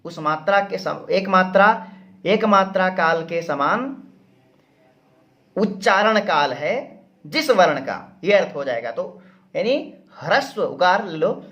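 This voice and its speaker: A man with a fairly high voice explains grammar rules at a slow, patient pace. He keeps repeating each term and poses questions only to answer them himself. The recording sounds a little dull and lo-fi. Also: animated, fairly bright tone. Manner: repeats terms slowly, asks and answers his own questions. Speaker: Sanskrit grammar teacher.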